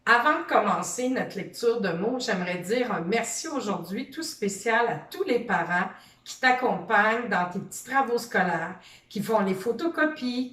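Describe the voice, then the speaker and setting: A woman leads a children's reading lesson, slow and encouraging as she sounds out each letter. Her voice swoops lively up and down and sits a little high. She sounds set back from the mic in a roomy, echoey space. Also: far from the mic. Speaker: teacher.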